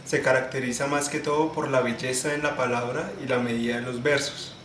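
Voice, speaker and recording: A young man giving a class presentation, explaining step by step, restarting phrases and slowing down to spell out syllables. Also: mid-range voice, steady tone, a bit bright. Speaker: student presenter. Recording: echoey room, faint ambient noise.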